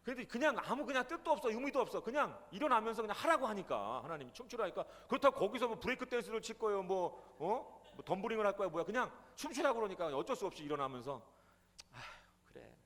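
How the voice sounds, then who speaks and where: Male pastor, high and quick, animated sermon testimony, long hall reverb. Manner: animated storytelling, swings from loud to hushed. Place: prayer retreat hall.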